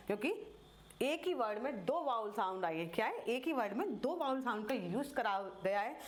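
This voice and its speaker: A woman with an Indian accent teaching English pronunciation rules in Hindi, spelling words out letter by letter and repeating each rule slowly with questions to the class. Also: on the high side. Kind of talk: slow classroom explanation while writing on a board.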